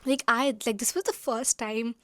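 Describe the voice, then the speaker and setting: A woman's voice: on the high side, fairly even intonation, moderate pace, fairly bright tone, dry recording. A young woman from India vlogging casually to camera from her room, chatty and full of fillers. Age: young adult.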